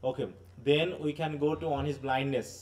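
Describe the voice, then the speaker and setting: Teacher explaining with frequent check-ins. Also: male voice, mid-range voice, steady tone, drawn-out words, darkish tone, far from the mic. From Bangladesh. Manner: explanatory, often checks understanding with tag questions; mixes in English terms and phrases. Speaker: English literature teacher. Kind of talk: live online class lecture.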